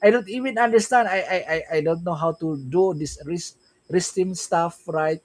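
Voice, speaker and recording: A young Tagalog-speaking man from the Philippines, with a Filipino accent, hosts a casual crypto livestream. He rambles, restarts often, and keeps adding tag questions like "right?" and "yeah, man." His voice sits high and his pace is moderate.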